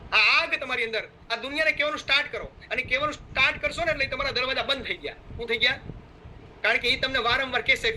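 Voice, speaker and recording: A middle-aged motivational speaker delivers a fervent, exhorting talk in a high, pushed, bright voice, urging listeners on and acting out what his friends said. The audio is poor, with slight background noise.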